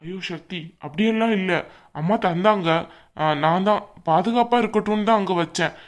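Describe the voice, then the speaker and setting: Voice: mid-range voice, moderate pace, lightly acted. A performer voicing a meek young groom in a cartoon who pleads with his bossy fiancée. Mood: pleading. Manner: pleading, flustered. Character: meek young groom, company owner, henpecked. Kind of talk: cartoon voice acting.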